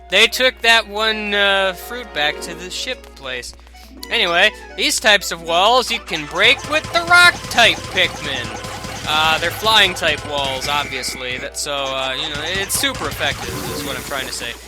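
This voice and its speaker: Rambling young man with a bright, high voice. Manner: rambling, jokey, with sudden excited outbursts. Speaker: let's play commentator. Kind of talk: casual game commentary.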